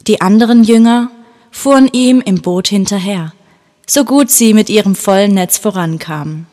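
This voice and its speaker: A woman narrating a children's Bible story in a calm, gentle storytelling manner. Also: medium pitch, moderate pace.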